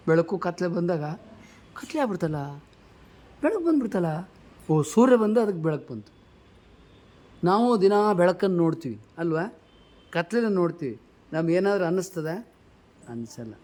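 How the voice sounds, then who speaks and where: A man giving a storytelling sermon, asking his listeners questions and dropping soft and low for tender moments. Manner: slowly chants a verse. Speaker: preacher.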